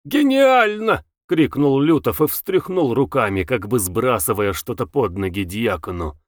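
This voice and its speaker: A man narrating a novel as an audiobook, in a measured and expressive way. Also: on the low side, no room sound, studio quality.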